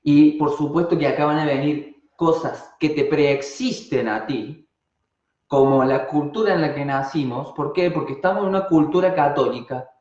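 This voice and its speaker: A man with an Argentine Spanish accent teaching an online class, animated and constantly asking rhetorical questions and then answering them. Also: a little high, moderate pace. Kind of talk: live online class talk. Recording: dull, roomy sound.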